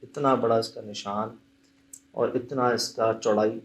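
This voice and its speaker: A man's voice: mid-range voice, unhurried, a little hiss or hum. Dramatic storyteller man. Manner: animated, dramatic retelling with rising emphasis. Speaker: paranormal investigator recounting a visit. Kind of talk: casual storytelling chat.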